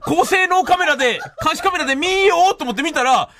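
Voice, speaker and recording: A man's voice: very high voice, expressive, a little fast, noisy background. A man hosting a radio show, telling a comic story in a solo monologue, laughing often and acting out the voices he quotes.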